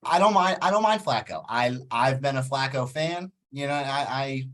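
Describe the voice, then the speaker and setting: A man in relaxed sports banter, agreeing easily and letting his sentences fade out softly. His voice sits at an everyday middle pitch for a man. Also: normal speed. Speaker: podcast co-host. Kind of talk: casual sports chat.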